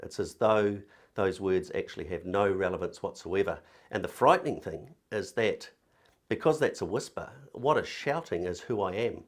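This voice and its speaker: A man's voice: deep voice, moderate pace. A man with a New Zealand accent, a religious education director giving an earnest, thoughtful talk to camera, with occasional fillers and repeated words.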